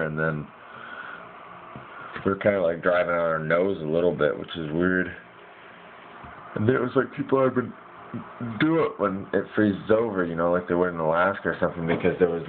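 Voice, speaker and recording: Deep-voiced man hazily recounting a dream. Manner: informal slangy speech with mild swearing. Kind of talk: casual rambling first-person dream recounting. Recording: muffled lo-fi mic with hiss.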